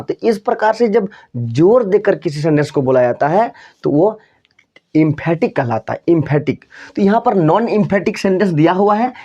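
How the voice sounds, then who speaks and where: Slow, patient Hindi-speaking grammar teacher, a man. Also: on the high side, darkish tone, dull audio. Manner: slow and repetitive, repeating each step. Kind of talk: Hindi classroom lesson on English grammar.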